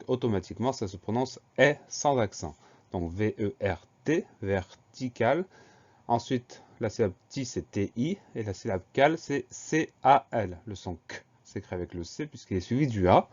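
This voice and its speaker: Male teacher, lowish voice, patient and methodical, walking children through spellings; dull, lo-fi recording. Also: darkish tone. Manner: slow, patient, spells words letter by letter.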